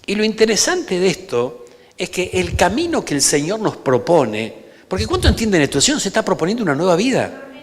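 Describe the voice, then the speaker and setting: A brisk, high-sitting male voice with wildly swooping pitch belongs to an Argentine Rioplatense-accented pastor delivering a forceful sermon, often asking for amens. The church hall echoes, and there's a little hiss or hum.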